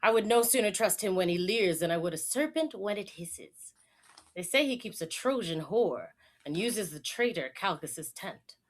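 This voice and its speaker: A scurrilous fool, played by a woman who rails and sneers in hammy Shakespearean stage style. The delivery is declamatory and highly animated, leaping around in pitch. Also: normal speed, lightly acted. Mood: scornful. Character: scurrilous, sneering fool railing at warriors and lovers. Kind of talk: theatrical Shakespearean stage acting.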